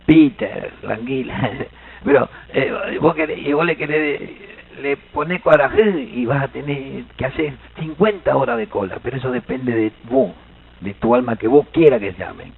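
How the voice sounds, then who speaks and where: Animated Argentine man lecturing, gravelly. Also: medium pitch, normal speed, narrow, tinny audio. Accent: Argentine Spanish. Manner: animated, joking, quizzes the audience. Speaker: Guaraní language teacher at a seminar. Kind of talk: lively seminar lecture. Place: seminar hall.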